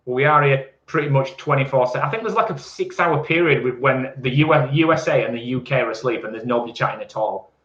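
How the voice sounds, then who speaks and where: Quick and a bit bright, his mid-range voice carries casual banter as he teases his co-host. The man, in his forties, also reads out viewer comments during the live stream, which sounds echoey and slightly dull.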